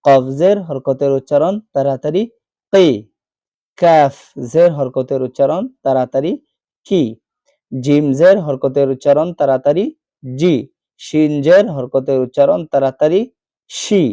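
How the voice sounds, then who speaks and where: A man teaching Quran reading in a Bangladeshi Bengali accent, slowly drilling letter sounds again and again in an online lesson. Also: fairly high pitch, dark tone, no room sound.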